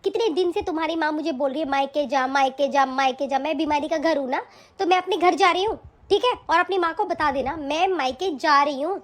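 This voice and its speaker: A woman's voice: sits high, fairly quick, close to an everyday voice. A woman voicing a young, put-upon daughter-in-law in a cartoon, pleading and hurt. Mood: fed up. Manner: pleading, soft-spoken. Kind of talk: cartoon voice acting.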